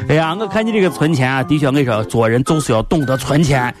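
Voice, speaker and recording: A man's voice: medium pitch, quick pace, natural voice. An actor with a Shaanxi accent playing a talkative, fussy male boss in a comedy sketch, rambling and repeating exclamations. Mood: flustered, preachy. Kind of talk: comedy sketch dialogue in dialect. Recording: music playing behind the voice.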